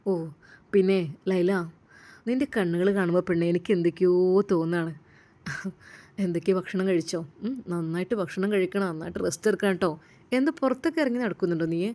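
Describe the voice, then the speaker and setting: A woman voicing a sweet-talking, scheming male doctor who speaks to his wife in a low, coaxing way. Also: fast, warm tone, natural voice. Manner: coaxing, turning menacing.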